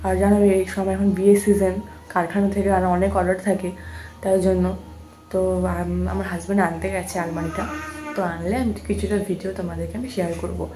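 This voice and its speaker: Fast-talking chatty young mother vlogging. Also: on the low side, little pitch movement, dark tone. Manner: rambling, chatty, with many restarts and fillers. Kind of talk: casual chatty vlog talk to viewers.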